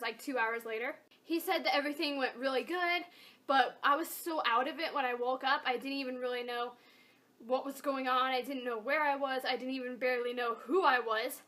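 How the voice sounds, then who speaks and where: Young female vlogger, high-pitched and bright; informal, chatty, emphatic personal storytelling. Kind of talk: casual personal storytelling to camera.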